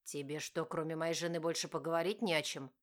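A harsh, domineering young husband who growls and barks his words, as a woman reading the audiobook puts him on. The voice sits low and rough, snapping out short, bitter lines. It is a storybook reading, not a studio drama. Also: fairly even intonation, fairly quick, natural voice. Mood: angry.

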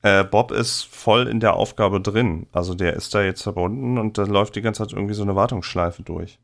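A man with a low, gravelly voice runs a tabletop game as game master. He narrates in halting bursts, full of fillers and restarts. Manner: hesitant, many fillers and restarts.

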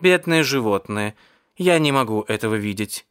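A man's voice: on the low side, animated, moderate pace, fairly bright tone, smooth, no echo, studio quality. Male reader doing a tearful, melodramatic young woman, storybook scene. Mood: sentimental. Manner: tearful, theatrical.

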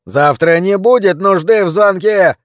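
A man voicing a cranky middle-aged hypochondriac in bed who rants loudly and drags out his words. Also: a little high, lively intonation, no room sound, clean studio sound, close to an everyday voice. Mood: ranting. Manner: shouting, indignant, drawn-out emphasis.

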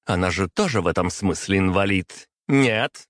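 A man's voice: expressive, normal speed, fairly bright tone, no echo, clean studio sound. A man voicing a fiery, defiant young princess who keeps raising her voice in scornful outbursts. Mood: furious. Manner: raised, shrill, scornful outbursts.

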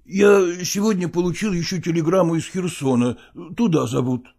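A man reading an audiobook, voicing a middle-aged actor who pretends to be ill, groaning and slowly wheedling. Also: sits high, creaky, a little mellow, pitched above the performer's own voice. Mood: groaning evasive. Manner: groaning, drawn-out and slow, wheedling. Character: middle-aged male actor feigning illness, evasive.

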